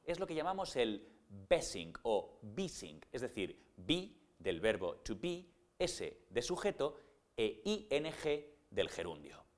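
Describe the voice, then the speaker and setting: A man reads a scripted grammar lesson and walks through each rule step by step. His voice moves a lot in pitch and rises and falls as he teaches. He slows down for the example words and spells some of them out. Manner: explains rules step by step, with slow spelled-out English example words.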